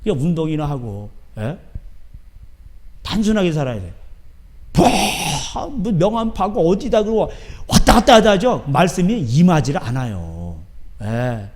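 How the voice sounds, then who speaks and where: A middle-aged male pastor preaching a sermon in a church, talking emphatically with constant rhetorical questions and sudden shouts. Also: very animated, normal speed. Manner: swings between loud shouting and low asides. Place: church sanctuary.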